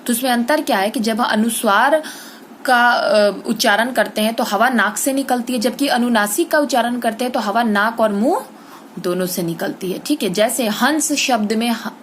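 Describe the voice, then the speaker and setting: A woman teaching an online Hindi grammar class, explaining step by step, saying example words slowly and checking in with the children. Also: on the high side, a little hiss or hum. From India.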